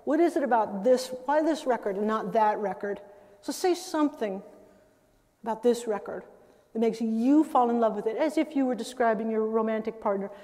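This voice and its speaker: An older woman giving a conversational public lecture about music, pausing and laughing between thoughts. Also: on the high side, mellow. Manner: conversational, with laughs and self-interruptions. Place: lecture hall. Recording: reverberant lecture hall sound.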